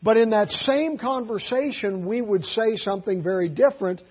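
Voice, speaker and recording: A man preaching a sermon as a pastor, telling folksy stories and swinging from quiet asides to loud, emphatic peaks. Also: sits high, normal speed, slightly rough, highs cut off. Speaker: Baptist pastor.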